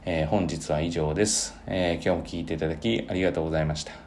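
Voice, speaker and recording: A man with a very low, gravelly voice talks loosely through his thoughts on his own podcast, circling back often with fillers and self-corrections. A faint hiss of noise sits under the recording. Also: steady tone, fast talker, darkish tone. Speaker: cram school teacher, podcast host. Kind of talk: relaxed solo podcast monologue.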